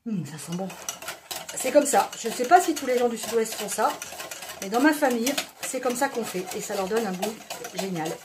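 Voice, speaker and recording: Woman, higher voice, chatty joking cooking host, pans clinking in a home kitchen. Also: expressive, moderate pace, background noise. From southwest France. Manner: chatty, joking, talks while stirring.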